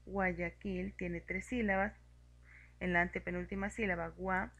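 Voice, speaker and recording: A woman teaching a grammar lesson, explaining each example slowly and clearly. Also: medium pitch, fairly bright tone. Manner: slow, clear and methodical, spelling out examples.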